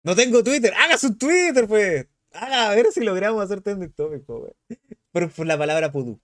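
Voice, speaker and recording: A man's voice: high-pitched, fairly quick. A young man with a Chilean accent, chatting casually on a live stream and reading chat aloud. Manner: animated, slangy, reads chat aloud.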